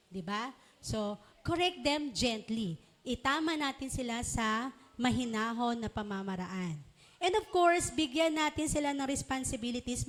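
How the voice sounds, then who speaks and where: A woman teaching a congregation of children and parents in a sermon, coaxing them along with questions and frequent check-ins. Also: on the high side. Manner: acts out parents and children in short voices. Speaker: church teacher.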